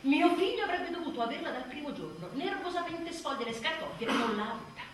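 A raw, sarcastic new mother at the end of her tether, her high voice leaping all over. She snaps between shouting and bitter near-whispers. The sound is caught from far off and rings through a very echoey space. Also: expressive, fast talker, a little hiss or hum. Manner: biting, sarcastic, swings from shouting to hushed. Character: exhausted, furious new mother, sardonic and raw. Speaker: stage actress. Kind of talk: theatrical monologue. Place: theatre stage. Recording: very echoey stage recording from afar.

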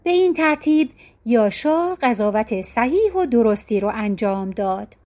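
A woman narrating a folk tale audiobook in a steady, clear storytelling manner. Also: on the high side.

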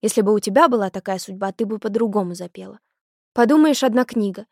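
Woman narrator doing a calm, strict mother of a big village family; storybook reading, firm and level. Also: medium pitch, fast, no echo, clean studio sound. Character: stern but kind village mother of many. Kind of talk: audiobook character voice.

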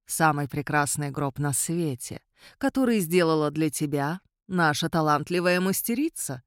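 A woman doing an ancient, calm vampire count. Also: on the high side, clean tone, no room sound, studio quality, voice pushed down, lightly acted. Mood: cool, menacing. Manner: quiet, measured, coolly superior. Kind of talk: audiobook character voice.

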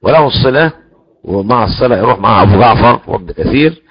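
A man teaching the readings of the Quran in a religious lesson, explaining and slowing down to chant the verses he cites. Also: medium pitch, expressive, slightly rough, muffled recording.

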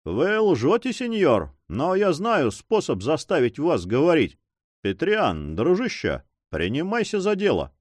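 A man's voice: on the high side, wildly swooping pitch, dry recording, full character voice. A man reading as an icy pirate chief. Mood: cold. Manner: icy, mocking and unhurried. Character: cold, ruthless male pirate leader.

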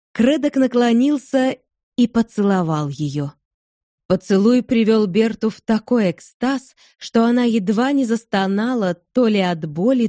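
A woman narrating a romantic novel as an audiobook, in an expressive, even reading. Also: medium pitch, dry recording, studio quality. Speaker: audiobook reader.

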